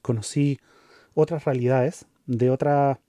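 A Chilean man in his thirties co-hosting a casual conversation, speaking thoughtfully with pauses and fillers. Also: mid-range voice, fairly even intonation, warm tone, no room sound, clean studio sound. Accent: Chilean Spanish. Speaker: co-host.

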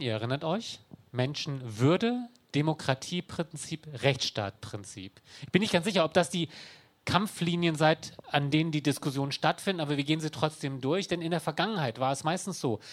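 A man's voice: fairly high pitch, lively intonation, moderate pace. A man giving an explanatory talk to an audience in a conversational, wry way, with dry sarcastic asides. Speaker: speaker explaining law to an audience.

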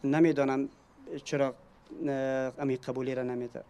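Rapid hesitant man from Afghanistan. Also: medium pitch, level tone, warm tone, smooth. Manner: hesitant, many fillers. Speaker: panel guest. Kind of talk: personal testimony.

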